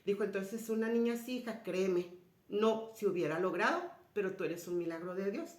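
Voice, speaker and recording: A woman shares a spiritual personal testimony, speaking directly to her listeners. She retells conversations in a soft voice that often sinks low and quiet. Her pitch sits in a middle range, and the recording has a roomy echo. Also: a little fast. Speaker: speaker sharing a personal story. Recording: roomy echoey sound.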